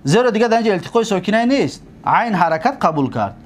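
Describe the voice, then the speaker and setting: A man's voice: high-pitched, sing-song. Tajik-accented man drilling grammar. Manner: repetitive, drills word forms syllable by syllable; checks understanding with rhetorical questions. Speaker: teacher of Arabic morphology. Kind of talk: classroom lesson.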